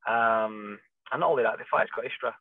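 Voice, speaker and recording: A thin, dry, phone-like line carries a man talking as a boxing trainer. He speaks quickly and emphatically, in a casual, conversational interview style. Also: medium pitch, husky, no echo.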